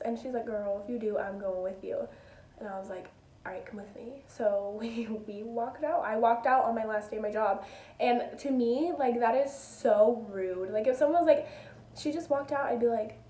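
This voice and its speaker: A young woman vlogging in a casual, giggly, self-deprecating way. Her voice sits a little high, and the room around her is echoey. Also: mellow. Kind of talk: casual storytime vlog.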